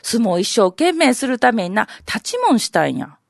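A woman's voice: a little high, big pitch swings, moderate pace, gravelly, no room sound, studio quality, exaggerated voice. Woman doing a bluffing know-it-all Kansai elder. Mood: condescending. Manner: condescending, bluffing, storytelling. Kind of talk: rakugo storytelling.

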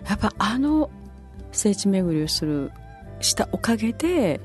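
A woman hosting a casual conversation, chatty and full of fillers, her pitch leaping when she gets animated. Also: measured pace. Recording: faint music behind.

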